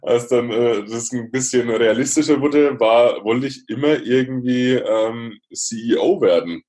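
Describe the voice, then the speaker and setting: A man, a podcast guest speaking reflectively, with pauses and restarts. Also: medium pitch, darkish tone. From Franconia, Germany. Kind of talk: podcast interview.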